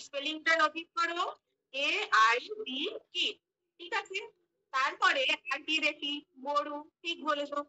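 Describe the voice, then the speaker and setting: A woman's voice: sits high, pushed and bright, rough recording. A woman giving a demo class to young pupils, speaking, spelling English words letter by letter and quizzing the class. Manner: spells words letter by letter, asks and answers questions; mixes English phrases into the lesson. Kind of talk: mock classroom teaching.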